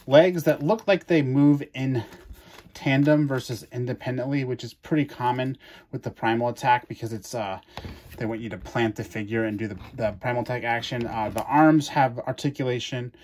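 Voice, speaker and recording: Male toy reviewer, mid-pitched voice, eager and chatty, light hiss behind. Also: moderate pace, a little mellow. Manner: enthusiastic, chatty, many fillers and restarts. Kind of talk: casual toy review to camera.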